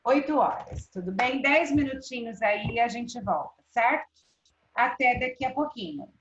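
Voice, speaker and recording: A woman's voice: on the high side, lively intonation, unhurried. A woman teacher with a Brazilian Portuguese accent giving a live online class, checking in with students often. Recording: roomy, dull lo-fi sound.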